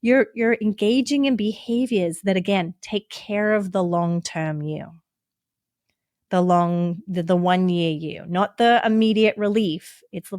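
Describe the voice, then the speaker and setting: A woman therapist and author, a guest on a podcast, explaining self-help steps in a gentle, reassuring and instructive way. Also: fairly low pitch, no echo, studio quality.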